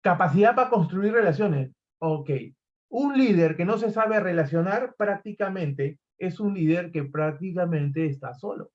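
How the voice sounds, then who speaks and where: A man's voice: high voice, measured pace, darkish tone, lo-fi sound. A man giving a recorded leadership lecture, talking animatedly, acting out examples and often restarting his phrases. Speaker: leadership trainer.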